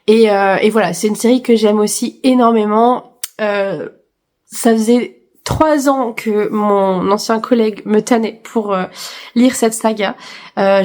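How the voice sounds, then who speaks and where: A woman's voice: medium pitch, a little mellow. A woman book vlogger chatting casually about her reading plans, enthusiastic, with frequent hesitations and repeated words.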